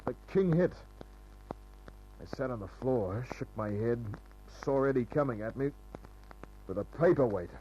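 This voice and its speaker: In this hardboiled 1950s-style radio crime drama, a man plays a laconic, cynical detective who trades dry wisecracks with a deadpan mood. He speaks naturally at a measured pace, medium in pitch, leaving long pauses, over a dull, hissy recording that hums.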